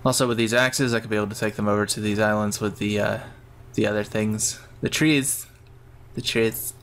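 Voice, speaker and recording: A man's voice: on the low side, completely flat delivery, fast, fairly bright tone, slight background noise. A man giving casual gameplay commentary, thinking aloud in a rambling way. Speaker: gamer narrating his own play.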